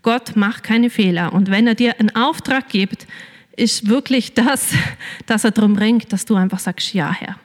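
A woman's voice: fairly high pitch, a little slow. A woman preaching a sermon in a casual storytelling way, with many fillers. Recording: long reverb of a large hall.

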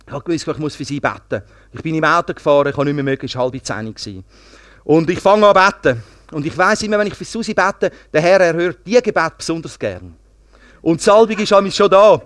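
A middle-aged man with a Swiss German accent preaching a sermon, telling stories in a lively way, repeating words and swinging between hushed and loud passages. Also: sits high, no echo, studio quality. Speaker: pastor.

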